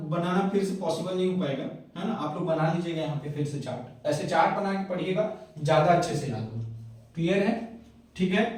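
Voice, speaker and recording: A man teaching a Hindi grammar lesson, spelling out sounds one by one and often checking whether the class has understood. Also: sits high. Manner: repeats "clear hai?" and "hai na" often. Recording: very echoey room, voice from a distance.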